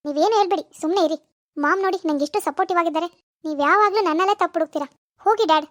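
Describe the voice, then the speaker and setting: A woman's voice: very high voice, racing, fairly bright tone, no echo, clean studio sound. A woman voicing a spiteful, jealous young wife in a cartoon, whiny and scheming. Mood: snappy. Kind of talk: cartoon voice acting.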